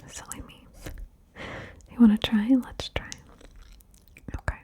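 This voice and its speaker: ASMR woman, breathy unvoiced whisper, unhurried, close binaural mic, playful small talk. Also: dark tone. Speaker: ASMR creator. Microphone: binaural mic, left and right ear.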